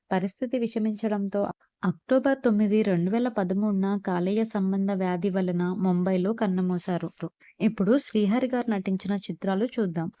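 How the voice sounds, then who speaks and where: Woman narrator, scripted voice-over, dark mellow tone, dry dull close recording. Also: medium pitch, no room sound. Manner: steady, even reading of facts and long lists.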